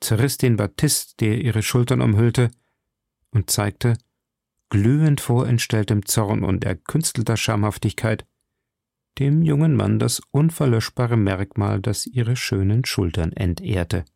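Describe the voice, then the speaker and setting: A man reading a classic novel aloud in slow, measured, dramatic narration. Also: fairly low pitch, gravelly, dark tone, no echo, studio quality. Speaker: reader.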